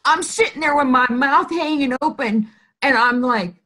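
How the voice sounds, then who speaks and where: A woman recounts a story in casual conversation, animated and repeating phrases to drive her point home. Her voice sits a little high for a woman. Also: moderate pace. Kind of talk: casual chat, telling a story.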